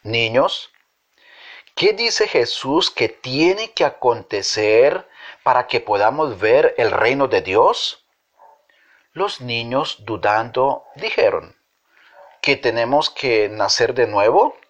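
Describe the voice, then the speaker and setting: Male storyteller, children's Bible story, slow and sing-song, lo-fi. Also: medium pitch, expressive. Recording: dull lo-fi recording.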